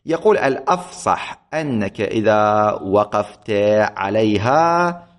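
A man's voice: on the low side, expressive, slow pace. A man, a religious teacher giving a grammar lecture, who explains patiently, repeats points and keeps checking that his students follow. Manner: patient, repetitive, checks understanding with questions. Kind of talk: classroom lecture.

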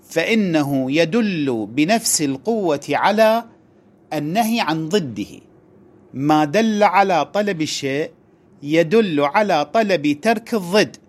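Lively man giving a lesson. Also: on the high side. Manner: methodical, restates and repeats points to explain them. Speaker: religious studies teacher. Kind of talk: lecture.

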